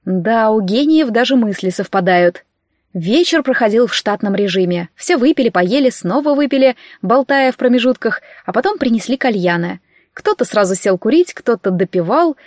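A young woman reading a first-person story aloud with a lively, ironic touch. Her voice sits fairly high, and the recording is dry and close, with no room echo. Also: moderate pace. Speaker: audiobook narrator. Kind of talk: first-person audiobook narration.

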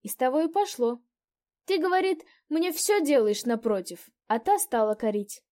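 A woman's voice: sits high, big pitch swings, a little mellow, voice pushed up. A woman reading a story aloud, voicing a fussy, gossiping old peasant innkeeper woman. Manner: fussy, fawning, quick to exclaim. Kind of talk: audiobook character voice.

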